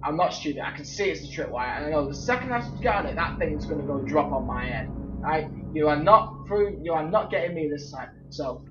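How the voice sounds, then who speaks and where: A man's voice: a little high, expressive, brisk, over music. A man commentating his game play, jumpy and swearing, exclaiming at every scare. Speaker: let's play gamer. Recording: echoey, slightly dull, faint noise.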